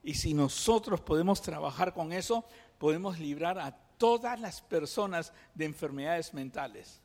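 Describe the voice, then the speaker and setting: A man from Peru with a Peruvian Spanish accent, preaching a sermon and teaching through lively examples and rhetorical questions. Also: on the high side, normal speed. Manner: animated storytelling, acts out examples, rhetorical questions. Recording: long hall reverb.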